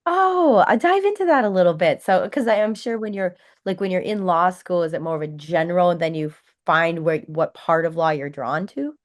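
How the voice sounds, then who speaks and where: A woman's voice: fairly low pitch, normal speed, hardly any pauses. A woman hosting a business interview podcast, upbeat and encouraging toward her guest. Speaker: podcast host.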